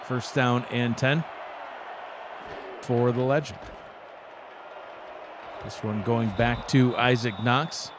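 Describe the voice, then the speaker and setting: A man doing relaxed play-by-play commentary for a simulated football broadcast, joking along and rising in excitement on big plays. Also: medium pitch, slow pace, pauses often, noisy background. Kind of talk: sports commentary.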